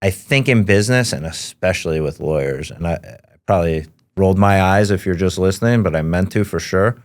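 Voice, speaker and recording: A man's voice: low-pitched, fairly quick. A man hosting a podcast, talking in a chatty, conversational way and often checking in with "right?" and "you know?". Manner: chatty, conversational, tag questions. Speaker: podcast host. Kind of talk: casual podcast interview.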